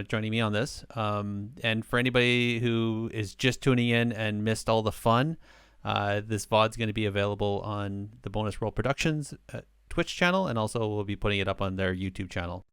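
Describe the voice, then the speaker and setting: A man with a low, gravelly yet smooth voice hosts a relaxed roundtable chat. He talks in an easygoing way, with plenty of "uh"s, as he moves the group along. The sound is dry and close. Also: no room sound. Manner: easygoing, filler-heavy, steering the talk. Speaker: podcast host.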